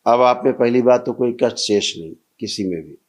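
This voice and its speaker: A man leading a healing gathering, giving measured, commanding instructions to a congregation. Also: mid-range voice. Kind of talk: guided ritual instructions to a congregation.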